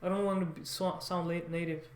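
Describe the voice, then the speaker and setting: In an echoey room, a high-pitched man whose first language is French addresses his viewers off the cuff. He's a vlogger and language learner whose talk wanders haltingly, full of repeated words and self-corrections, with fairly even intonation.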